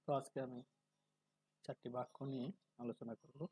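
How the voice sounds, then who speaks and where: A man giving a calm spoken lesson on pronunciation, slowly and deliberately drawing out syllables to demonstrate them. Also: medium pitch, husky, dry recording, low-quality recording. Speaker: teacher of Sanskrit pronunciation.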